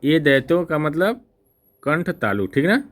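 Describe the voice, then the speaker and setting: A man teaching an exam-prep lesson in a fairly high voice. He talks slowly and repeats each point, with frequent checks that the class follows. He stops to fix his own mistakes and apologizes for them. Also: very animated. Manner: slow, repetitive explaining with frequent "ठीक ना?" checks; self-correcting, apologetic.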